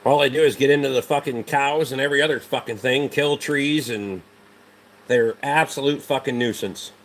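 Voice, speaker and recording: A man from Rhode Island hosts a livestream, casually answering viewers in a blunt, dismissive, heavily profane manner with his regional accent. He speaks at normal speed with a medium pitch and fairly bright tone, over a little hiss or hum.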